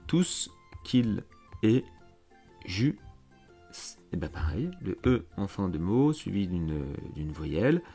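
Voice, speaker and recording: A man teaching a lesson online, explaining step by step in a patient way, often pausing with fillers and restarting phrases. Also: deep voice, sing-song, warm tone, slightly rough, soft background music. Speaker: French teacher.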